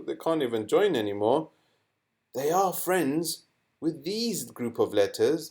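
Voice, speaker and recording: A man with a lowish voice teaches children a lesson playfully and animatedly, asking them questions and making sound effects.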